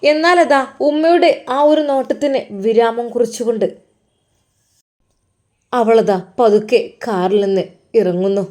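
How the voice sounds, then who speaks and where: Emotive woman storyteller, higher voice. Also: unhurried, pauses often, a little mellow. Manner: dramatic, emotive narration. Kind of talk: dramatic story narration.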